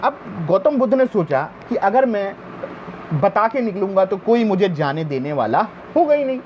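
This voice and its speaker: A man's voice: high-pitched, very animated, moderate pace. A male teacher giving an exam-prep history lecture. He keeps asking the class questions, answers them himself, and often tells listeners to pay attention. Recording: dull lo-fi sound with faint background noise.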